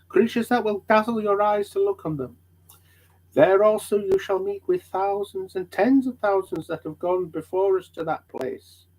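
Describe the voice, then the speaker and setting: A man's voice: high voice, darkish tone, voice pushed up, low-quality recording. A man voicing an earnest, devout, burdened pilgrim in a hammy, theatrical dramatic reading of an old allegory.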